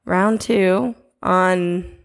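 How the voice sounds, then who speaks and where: A woman's voice: lowish voice, fairly even intonation, very slow, gravelly. A young woman co-hosting a podcast in casual chat, teasing and easygoing. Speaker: podcast co-host.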